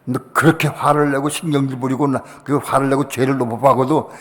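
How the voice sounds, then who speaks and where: A male pastor preaching a Friday evening sermon, passionate, dropping to quiet asides and rising to shouted declarations. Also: medium pitch, fairly even intonation, a little fast, long reverb tail. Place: church sanctuary.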